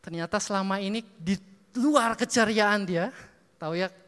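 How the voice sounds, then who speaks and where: A male preacher telling stories in a sermon, lively, acting out dialogue and laughing often. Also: high voice, moderate pace. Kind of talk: sermon storytelling. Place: church hall. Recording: long reverb of a church hall.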